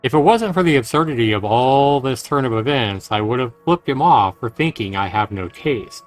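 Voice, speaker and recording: With an expressive, mid-range voice at normal speed, a male streamer reads a visual novel's story aloud and adds sincere, casual remarks aimed straight at his listeners. There's no echo, just faint game music in the background.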